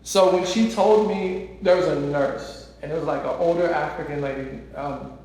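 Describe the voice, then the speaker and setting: A man hosting a panel talk, telling a story in a jokey, animated way. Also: fairly high pitch, normal speed. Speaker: host. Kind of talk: casual chat. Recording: echoey room with long reverb.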